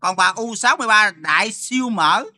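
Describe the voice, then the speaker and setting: A man's voice: high voice, a little fast. A man with a Southern Vietnamese accent telling a story in casual chat, repeating words as he stumbles along. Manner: stammering repetitions, animated storyteller.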